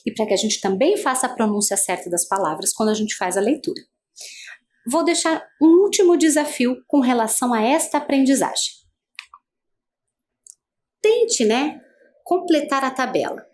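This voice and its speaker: A woman's voice: high-pitched, animated, normal speed, long pauses, darkish tone. A female teacher with a Brazilian Portuguese accent, giving an adult-education video lesson, patient and asking many guiding questions.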